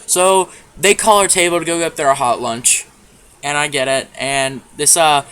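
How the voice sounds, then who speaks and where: A man telling a story in a casual vlog, offhand and full of swearing, often clearing his throat. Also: fairly high pitch, a little slow, sharp tone. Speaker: YouTuber.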